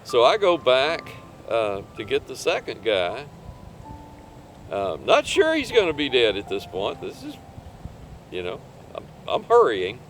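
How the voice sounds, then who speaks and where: An older man, a cave diver, telling a rescue story in an interview with a relaxed, rambling manner and chuckles between points. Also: medium pitch, unhurried, faint music behind.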